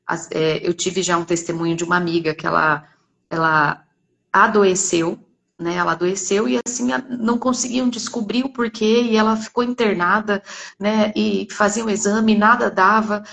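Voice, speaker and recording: Brief: Brazilian woman, church testimony, earnest storyteller, slightly gravelly voice. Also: medium pitch, steady tone, normal speed, a bit bright. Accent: Brazilian Portuguese.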